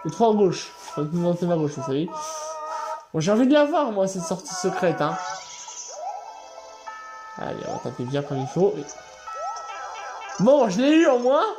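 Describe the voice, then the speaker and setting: A man doing let's play commentary, excitable, swearing and yelling at the game. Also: high voice. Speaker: gaming channel host. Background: game music.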